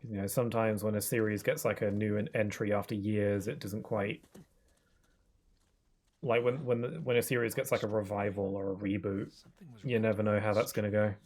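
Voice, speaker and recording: A man's voice: lowish voice, flat delivery, moderate pace, a little mellow. A young man chatting casually while streaming a game, rambling with restarts and laughs. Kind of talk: casual gameplay commentary.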